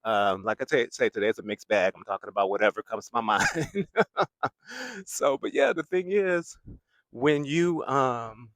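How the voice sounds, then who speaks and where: Walking along a city boulevard, a young vlogger gives casual commentary into a handheld mic, rambling, laughing frequently and coming back around to his point. His medium-pitched, fairly bright voice has lively intonation at normal speed, with slight background noise.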